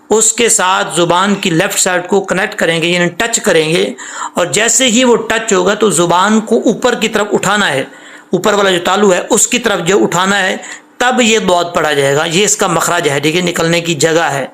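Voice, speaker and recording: A man's voice: high voice, gravelly, fairly bright tone. A man with a Pakistani Urdu accent giving a patient tajweed lesson, explaining letter sounds and drawing out demonstration syllables. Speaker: Quran recitation teacher.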